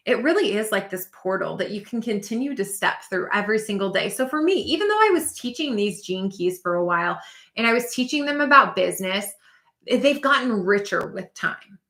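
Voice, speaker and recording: A woman in her thirties, a business coach, teaching in a casual, animated way with lots of asides to the listener. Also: medium pitch, normal speed, echoey room. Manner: animated and chatty, lots of "like" and "you know what I mean".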